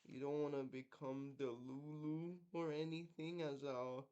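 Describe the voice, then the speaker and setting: A young man from Guatemala speaks to his viewers in an unhurried, reflective personal monologue. His voice is smooth and clear and sits a little high, and he fills his pauses with um and like. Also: fairly even intonation, warm tone, lo-fi sound. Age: young adult. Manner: reflective, lots of fillers like um and like. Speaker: vlogger.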